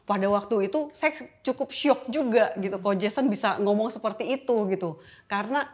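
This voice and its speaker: A woman's voice: medium pitch, fairly quick. Candid, emotional woman talk-show guest. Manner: candid and emotional, colloquial with frequent filler tags. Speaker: guest sharing a testimony. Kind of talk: casual interview chat.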